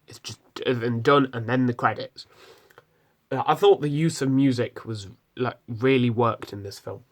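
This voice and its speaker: A young British man with a British accent, giving a rambling, casual film review full of ums and restarts. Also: mid-range voice. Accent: British English. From Britain. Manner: rambling, many ums and self-corrections.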